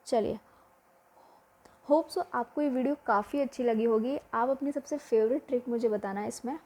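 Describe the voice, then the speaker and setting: A woman's voice: a little high, moderate pace, dark tone. A young woman teaching a memory-trick lesson for exams, quizzing the listener with repeated questions.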